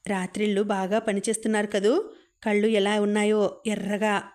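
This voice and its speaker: Woman voicing a curt, wary young wife, in a flat, even audiobook read. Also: mid-range voice, moderate pace, natural voice.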